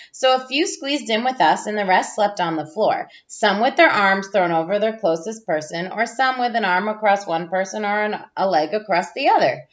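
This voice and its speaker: A woman with a mid-range voice reads a children's storybook aloud to her pupils, the way a teacher would. She's expressive, stretching out certain phrases for emphasis. The recording sounds a bit dull and lo-fi.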